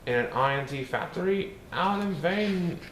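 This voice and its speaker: Close to his everyday voice, a man with a fairly high pitch and lively intonation speaks at a normal speed as a playful, mischievous male cartoon cat. He reads a rhyming storybook with a bouncy, sing-song lilt. A roomy echo and faint hiss color the recording.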